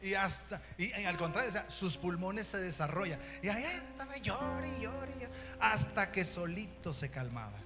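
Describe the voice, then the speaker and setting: A middle-aged man with a Mexican Spanish accent, preaching an animated sermon as pastor and mimicking children and parents. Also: high-pitched, normal speed, hardly any pauses. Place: church hall. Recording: long reverb in a church hall, music behind.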